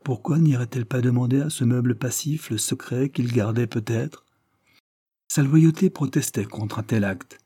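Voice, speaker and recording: A male narrator reads a classic short story with measured, expressive pacing. His voice is mellow and a bit husky. The sound is dry and close, with no room around it. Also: mid-range voice, dry recording. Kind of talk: scripted audiobook narration.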